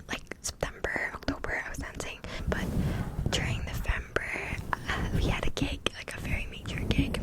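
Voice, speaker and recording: A young adult ASMR creator whispering a casual catch-up to the viewers, repeating trigger words over and over into a close, fluffy-covered mic. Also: low-quality recording. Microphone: sensitive mic with a fluffy cover.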